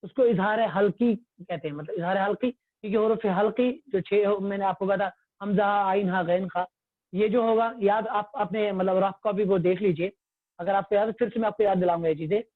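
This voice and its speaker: A man's voice: high-pitched, steady tone, no echo. Male tajweed teacher, patient, asks and answers his own questions, dry close sound, tinny call line. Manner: patient, repetitive, quizzing the class. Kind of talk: online religious class. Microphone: phone or computer mic on a video call. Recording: tinny phone-like online call audio.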